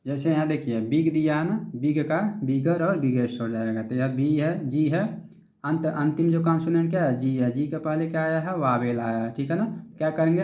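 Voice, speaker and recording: A man with an Indian accent teaches a grammar lesson, walking through each rule step by step and pausing often to check that the class is following. His voice sits a little high for a man, and it bounces around an echoey room. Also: mellow. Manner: explains step by step, with frequent check-ins asking if it is clear. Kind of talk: Hindi lecture on English grammar.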